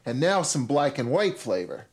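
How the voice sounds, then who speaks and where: At medium pitch and a normal pace, a man in his thirties hosts a scripted cooking show, his sing-song voice a little mellow. Moving between a home kitchen and a supermarket, he leads viewers through each step in a lively, instructive way with playful asides, and slight background noise can be heard.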